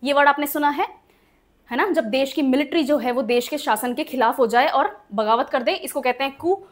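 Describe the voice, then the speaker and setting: High-voiced woman teaching vocabulary. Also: moderate pace. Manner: explains step by step, spells words letter by letter, asks checking questions. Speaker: English teacher. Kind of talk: exam-prep vocabulary lesson.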